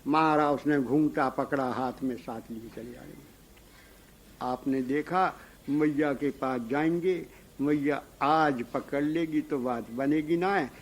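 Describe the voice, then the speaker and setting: A man narrating a devotional story in a lively way, breaking in with devotional calls. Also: fairly high pitch, slow, a little hiss or hum.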